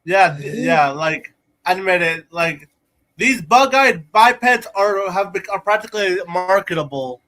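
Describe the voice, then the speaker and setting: A man's voice: high-pitched, animated, measured pace, pushed and bright, low-quality recording. A man co-hosting a casual cartoon podcast, who stumbles over filler words. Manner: hesitant, repeats filler words. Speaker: podcast co-host.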